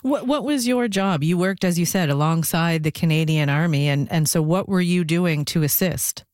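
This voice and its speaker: A woman hosting a radio morning show, reading the time and introducing a guest in a clear, measured presenter's delivery. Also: on the low side, a little mellow, no echo, clean studio sound. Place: radio studio.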